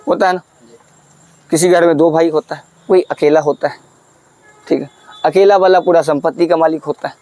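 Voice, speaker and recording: Brief: man teaching a lesson, high voice, dry sound, asks and repeats. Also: darkish tone, no echo. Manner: asks questions and answers them himself, repeats key words. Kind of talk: classroom lesson.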